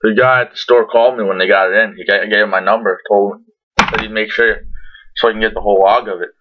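Low-voiced young man with lip full of dip. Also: steady tone, fast talker, background noise. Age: young adult. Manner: laid-back, profane, rambling. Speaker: tobacco product reviewer. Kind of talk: casual chat to camera, product review. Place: small bedroom, indoors. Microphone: computer webcam at arm's length. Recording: dull lo-fi webcam audio.

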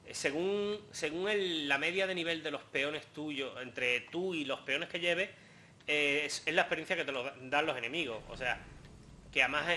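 A man gives gameplay commentary in a very bright, sharp voice at an ordinary pitch. He jokes, gets excited and swears casually. Faint ambient noise sits behind him. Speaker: gaming host.

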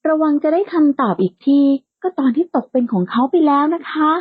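Woman doing a polite, gentle young woman. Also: high-pitched, lively intonation, brisk, no room sound. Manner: polite and soft-spoken, easily startled. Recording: dull lo-fi dry recording.

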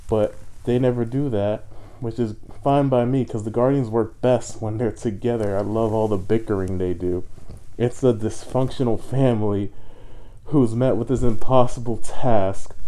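A man's voice: medium pitch, moderate pace, warm tone. Muffled man talking inside a costume head. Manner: enthusiastic, rambling with fillers. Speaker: movie reviewer. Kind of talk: casual movie review. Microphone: muffled inside a fursuit head.

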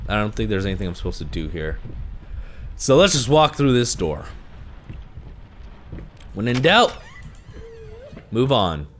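With a fairly low, sing-song voice, this young gaming creator talks at a measured pace and pauses often while nervously playing a horror game. Allergies leave him congested, and his headset mic in a small room at home picks up slight background noise.

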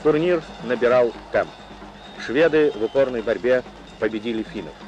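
A man's voice: medium pitch, animated, moderate pace, dull audio. Man narrating an old newsreel. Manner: formal, declamatory reporting. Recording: narration over loud music.

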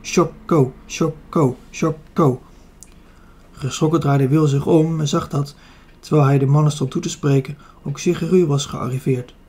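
A man reading a children's adventure audiobook aloud. His voice sits fairly high but stays flat and even, with a mellow, somewhat husky timbre. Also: normal speed. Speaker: audiobook reader. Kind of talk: scripted narration of a children's novel.

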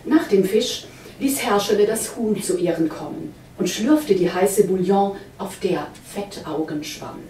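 A woman reading literary prose aloud at a public reading, in a measured, expressive storytelling manner, in a university lecture room. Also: medium pitch, slight background noise. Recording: roomy hall, voice from a distance.

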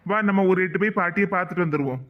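Cartoon: man voicing a chuckling, teasing young husband, Kanyakumari Tamil accent, high voice. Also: racing, narrow, tinny audio, close to an everyday voice. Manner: chuckling, coaxing banter. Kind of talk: cartoon voice acting.

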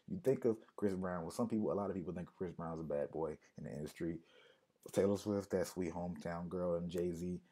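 A man's voice: low-pitched, mellow, slightly rough. A man losing his voice, giving a casual talk on music branding and repeating key points for emphasis. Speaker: music marketing consultant. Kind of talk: casual explainer to camera.

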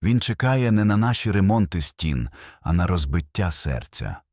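Male preacher, very low and husky, solemn emphatic sermon read, lively rising and falling delivery. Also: moderate pace, dry recording, studio quality. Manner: solemn, emphatic, builds with short repeated phrases. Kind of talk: scripted sermon narration.

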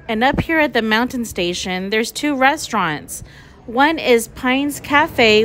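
A woman narrating her travel vlog, calmly giving viewers tips. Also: fairly high pitch, slight background noise. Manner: informative, recommending tips. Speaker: travel vlogger. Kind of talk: voice-over narration.

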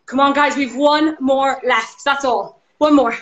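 High-pitched Irish woman coaching a workout. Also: a little slow, reverberant, highs cut off. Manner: energetic, counting down and cheering. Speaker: fitness instructor. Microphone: video call.

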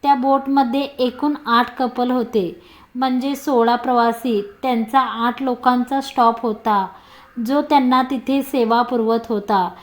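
A woman reading a romantic story aloud in a steady storytelling manner. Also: fairly high pitch, a little slow.

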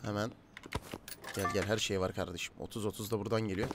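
A man giving casual let's-play commentary, chatting to game characters and his viewers, swinging from low mutters to loud calls. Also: fairly even intonation, fast talker, background noise. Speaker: gaming YouTuber.

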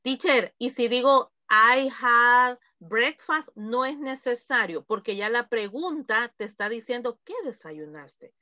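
Slow, bright-voiced teacher. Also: female voice, a little high, lively intonation, no echo, dull audio. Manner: patient, explains slowly, repeats examples. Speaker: English teacher. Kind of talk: online class instruction.

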